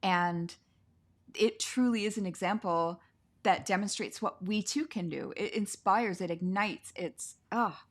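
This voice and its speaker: A woman's voice: mid-range voice, measured pace. A woman hosting an interview over a video call, talking in an effusive, gushing way, often saying "like" and laughing. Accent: Canadian. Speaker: podcast host. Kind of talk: warm conversational interview. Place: sitting on the floor at home.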